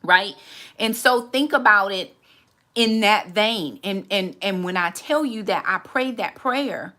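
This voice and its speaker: A woman's voice: mid-range voice, measured pace, pushed and bright. A woman in her forties hosting a candid, reflective faith talk, earnest and often repeating words as she gathers her thoughts. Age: 40s.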